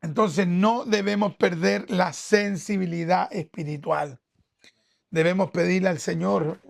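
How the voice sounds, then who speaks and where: A Chilean man preaching to a congregation, his voice rough with gravel. He keeps it conversational and checks in with his listeners through question after question. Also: high-pitched, fairly even intonation, a little slow. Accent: Chilean Spanish. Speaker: pastor. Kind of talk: sermon.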